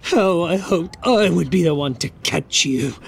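A man's voice: fairly high pitch, lively intonation, creaky, slight background noise. A man voicing a cold, menacing male professor who sneers and breaks into shrieks. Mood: gloating. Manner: sneering, slow, erupts into shrieks.

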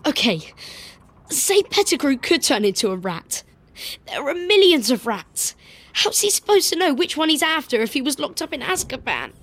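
A man's voice: very high voice, sing-song, moderate pace, fairly bright tone, voice pushed up, heavily acted. A man voicing a skeptical, indignant teenage schoolboy. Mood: incredulous.

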